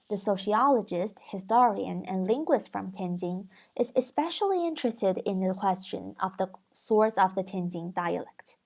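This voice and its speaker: A woman hosts an educational video, reading a scripted explanation at a steady middle pitch. She talks clearly and carefully, sounding out example syllables to show the tones. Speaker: language video host.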